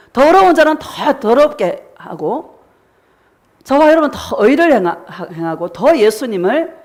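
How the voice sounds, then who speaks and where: A woman's voice: fairly high pitch, darkish tone. A middle-aged woman pastor giving a sermon, asking the congregation questions and answering them herself, sometimes acting out what believers say. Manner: preaching with rhetorical questions and call-and-response; acts out voices of congregants in quoted prayers.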